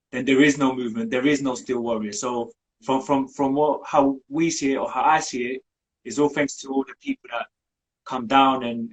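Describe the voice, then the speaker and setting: A man's voice: mid-range voice, slightly rough, poor audio. A young man from Colombia, talking in a casual interview with many fillers and restarts. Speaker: community group founder.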